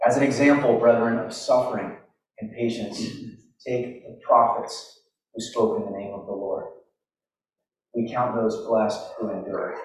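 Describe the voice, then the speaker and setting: A man's voice: medium pitch, a little slow. Man preaching at an echoey pulpit microphone. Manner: relaxed, conversational, with frequent restarts. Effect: speaking into a pulpit microphone. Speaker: pastor. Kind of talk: sermon. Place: large church sanctuary. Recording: very echoey hall from far off, faint noise.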